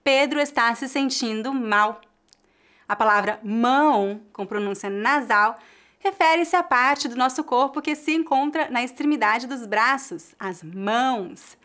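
A woman's voice: on the high side, animated, measured pace, a bit bright. A woman with a Brazilian Portuguese accent giving a scripted pronunciation lesson, carefully articulating and repeating each word for learners. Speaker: language teacher.

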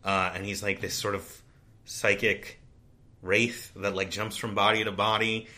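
A man's voice: lowish voice, little pitch movement, measured pace, sharp tone. A man co-hosting a podcast, chatting casually about a novel with lots of fillers and restarts. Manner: rambling, many fillers and restarts. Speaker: podcast co-host. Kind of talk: casual book discussion.

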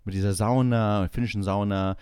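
On a podcast, a young male co-host relates a long personal story in casual conversation, animatedly acting out the voices of the people involved. His voice sits on the low side at a moderate pace, smooth, with a dry recording.

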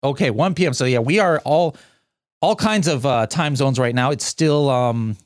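An American man hosts a podcast, speaking at a medium pitch and moderate pace in a clean studio with no room sound. He chats casually with his guests and jokes around, full of fillers and restarts.

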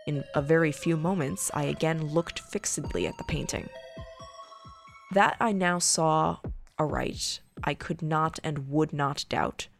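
A woman podcast host reading a gothic horror story aloud in a measured, deliberate storytelling manner. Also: low voice, vocal fry, soft background music.

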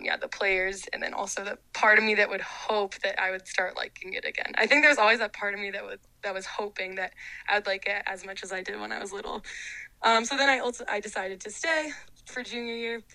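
A woman's voice: medium pitch, fairly even intonation, fairly quick, sharp tone, no echo, poor audio. A young woman, a college athlete, talking casually and reflectively in an interview, with lots of fillers. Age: young adult. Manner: reflective, chatty, many fillers.

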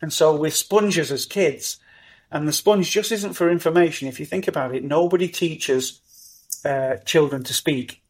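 A middle-aged man, talking as a podcast guest in an animated, upbeat way. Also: a little high, moderate pace. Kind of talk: conversational interview.

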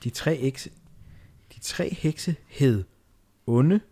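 A man's voice: mid-range voice, mellow, husky. A man reading a fairy tale aloud and joking with friends in casual chat. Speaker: storyteller and podcast host.

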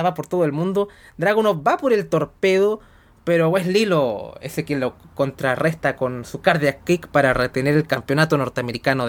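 A podcast host with a mid-range voice gives a wrestling commentator's blow-by-blow recap. The delivery is informal and jokey, dotted with colloquial asides and the odd swear word. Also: medium pitch. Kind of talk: wrestling commentator style match recap, casual.

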